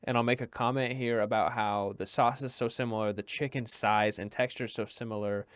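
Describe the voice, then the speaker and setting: Quick, chatty young man reviewing food. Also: mid-range voice, steady tone, clean tone, no echo, clean studio sound. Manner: self-deprecating, chatty, rambling with restarts. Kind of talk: casual voice-over commentary.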